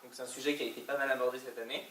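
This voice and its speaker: French man presenting, bright voice, echoey room. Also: mid-range voice, level tone, racing. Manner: colloquial, hesitant delivery with French-accented English terms. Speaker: conference speaker. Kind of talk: informal technical presentation. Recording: echoey distant mic, faint noise.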